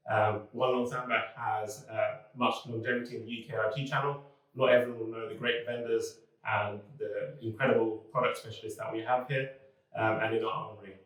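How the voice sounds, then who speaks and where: A man, a business development manager, speaking in a relaxed, conversational way in a corporate talking-head video. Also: lowish voice, brisk. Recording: very echoey room, mic far off.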